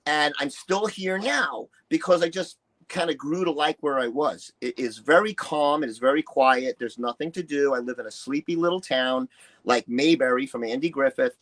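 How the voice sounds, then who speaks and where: Speaking at normal speed in a slightly high, somewhat bright voice, this man is an interview guest sharing frank personal stories. He's an early-60s New Yorker, once a musician and bodybuilder, who curses freely, speaks bluntly and emphatically, and performs quoted dialogue.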